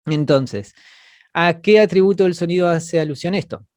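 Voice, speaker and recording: A man's voice: on the high side, moderate pace, darkish tone, no room sound, clean studio sound. A man teaching an online class over a video call, explaining patiently and often repeating words as he goes.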